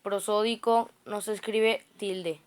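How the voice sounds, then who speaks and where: A woman's voice: mid-range voice, fairly even intonation, takes it slowly. A woman reading grammar study notes aloud, often stumbling and restarting words. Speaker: student reciting study notes.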